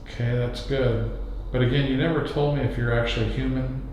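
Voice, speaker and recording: A man calls out firm, probing questions to an unseen spirit. His voice is mellow and dark. The sound is muffled and bounces around a large empty hospital room. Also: mid-range voice, fairly even intonation, fairly quick, a little hiss or hum. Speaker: paranormal investigator. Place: abandoned hospital floor, indoors. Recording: roomy, dull-sounding hall recording.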